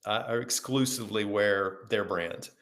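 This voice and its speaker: A man co-hosting a podcast, telling stories in a casual, animated way and acting out the people he quotes. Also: fairly low pitch, normal speed. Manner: animated storyteller, acts out quoted dialogue. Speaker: podcast co-host. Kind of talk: casual conversation, storytelling.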